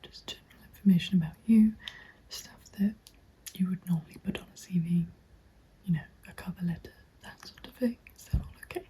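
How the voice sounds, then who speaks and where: Playing a recruitment consultant in ASMR, a young Englishwoman uses a soft, breathy whisper right up against the microphone, her lowish voice a little fast. Her manner is polite and attentive, like gentle customer service. Keyboard typing sounds in the background of her small home room, and the recording quality is low.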